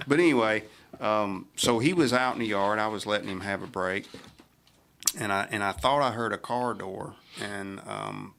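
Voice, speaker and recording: Gravelly-voiced sheriff telling stories. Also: male voice, fairly low pitch, normal speed, fairly bright tone. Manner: rambling anecdotes with restarts. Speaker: sheriff, radio show regular. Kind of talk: casual radio chat, storytelling.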